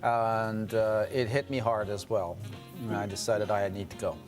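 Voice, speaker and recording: A man from Turkey, a guest in an interview, telling his story in a measured, reflective way. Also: on the low side, little pitch movement, over music. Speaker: guest adventurer. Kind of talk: interview answers.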